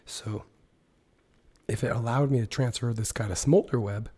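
A man who is sick with a sore throat and has nearly lost his voice, hoarse and strained and breaking into a whisper, giving casual gaming news commentary as the video's host. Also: medium pitch, moderate pace, mellow.

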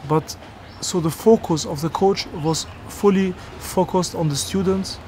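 A man in his thirties hosting a casual interview and gym review, talking in an energetic, emphatic way. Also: high voice, a little slow, a little hiss or hum. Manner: energetic, emphatic, animated with hand gestures. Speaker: host. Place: open-air boxing gym, then outdoor garden.

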